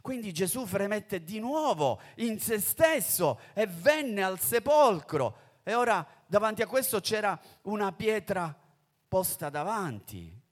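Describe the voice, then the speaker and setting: A male preacher delivering a sermon. His voice is slightly high and his pitch moves very widely. He swings from loud, urgent phrases to hushed near-whispers. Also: big pitch swings, takes it slowly.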